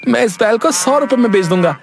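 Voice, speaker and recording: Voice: mid-range voice, expressive, quick pace, gravelly. A performer voicing a foolish, bumbling village husband in a cartoon, whiny and pleading. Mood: boastful. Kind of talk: cartoon voice acting. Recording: music behind voice.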